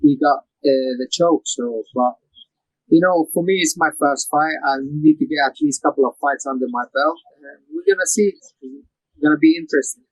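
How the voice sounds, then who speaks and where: A young man from Iraq answers questions in a relaxed, easygoing way, dropping "you know" into most of his sentences. His voice sits a little high for a man. It is recorded close and dry, with no room sound. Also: normal speed, no echo, rough recording. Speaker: MMA fighter. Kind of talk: post-fight interview over a call.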